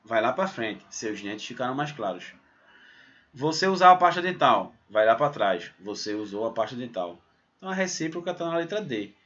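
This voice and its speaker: A man from Pernambuco leads a recorded math lesson at a middle pitch, walking through each point step by step. His delivery is lively, and he peppers it with "ó" and "né?" tags. The recording sounds somewhat dull and muffled. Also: moderate pace. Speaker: math teacher. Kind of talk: recorded exam-prep lesson.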